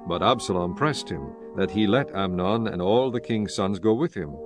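A man with a lowish voice narrates scripture. His delivery is formal and solemn, like a storyteller, with music underneath. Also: moderate pace. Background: background music.

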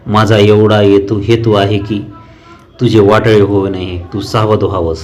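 A man's voice: lowish voice, flat delivery, a little slow, a little hiss or hum, lightly acted. A man reading as an angry domineering son-in-law. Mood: furious. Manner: loud, accusing, stern.

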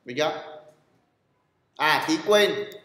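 Taking his time, a man with a bright, forceful voice on the high side lectures a programming class. He teases bluntly, checks whether students are following, and calls on them to respond; the room echoes with long reverb.

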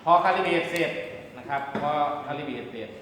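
A man's voice: a little high, animated, a little slow, a bit bright. A man giving a hands-on demonstration lesson as an instructor, explaining politely step by step. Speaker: radio communications instructor. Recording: very echoey room, background noise.

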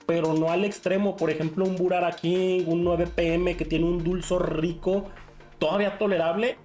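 A man's voice: fairly high pitch, a little mellow. A man in his thirties with a Mexican accent, chatting casually and expressively through a perfume review at home. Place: small home room, indoors.

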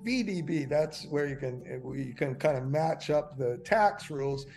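An older man teaching a finance webinar in a fairly high voice, rambling through fillers and restarts. He corrects himself often and gets worked up over small points. Faint music plays behind him. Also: measured pace. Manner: rambling, many fillers and self-corrections, excitable. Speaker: finance instructor. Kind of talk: webinar lecture.

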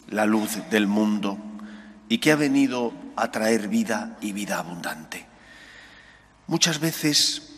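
Middle-aged priest, husky voice, earnest homily, chapel with long reverb, ambo mic. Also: male voice, fairly low pitch. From Spain. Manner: earnest preaching, rising on questions, dropping soft on key words. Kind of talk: gospel reading and homily. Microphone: gooseneck mic on ambo.

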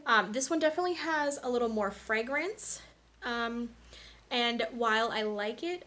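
Young woman vlogger, talkative and candid, slightly high voice, relaxed product rundown. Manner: chatty, frank, many ums and asides. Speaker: beauty vlogger. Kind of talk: casual product review chat.

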